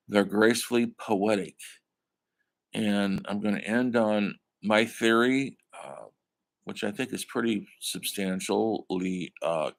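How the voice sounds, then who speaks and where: An older man giving a classroom film lecture in a conversational way, calling his students folks. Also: on the low side. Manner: conversational, addresses listeners as folks. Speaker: college film instructor.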